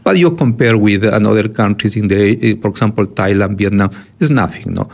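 A man with an Ecuadorian Spanish accent answers interview questions in English, working his way through each point with fillers and restarts. His voice has a gravelly, creaky edge. He speaks as a diplomat discussing relations between two countries. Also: fairly low pitch, a little mellow. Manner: halting, many fillers and restarts, rising emphasis. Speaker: diplomat guest.

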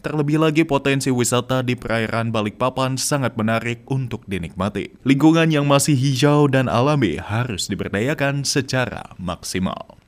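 A man presenting a radio news feature in a steady, formal reading voice. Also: mid-range voice. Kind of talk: read news report.

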